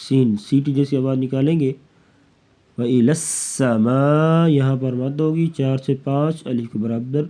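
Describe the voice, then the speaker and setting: A man teaching Quran recitation rules, chanting verses slowly and melodically and then explaining each rule quickly. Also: medium pitch, mellow. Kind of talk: tajweed lesson, slow recitation between quick explanations.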